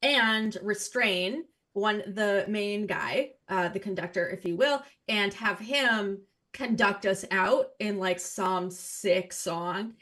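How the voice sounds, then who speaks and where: A woman's voice: mid-range voice, takes it slowly, few pauses, fairly bright tone. A woman playing a tabletop roleplaying game, casually improvising her moves in a theatrical, playfully self-satisfied way.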